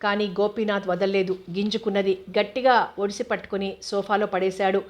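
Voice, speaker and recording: A woman narrating a novel aloud at a steady, measured pace. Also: mid-range voice. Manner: steady, even reading. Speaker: audiobook narrator. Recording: dull lo-fi recording.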